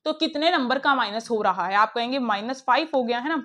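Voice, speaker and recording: A woman with a high, light voice teaches an online lesson, pressing her students along in a brisk, coaxing way. She speaks, close to the mic. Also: animated, fairly bright tone. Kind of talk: classroom lesson explaining puzzles.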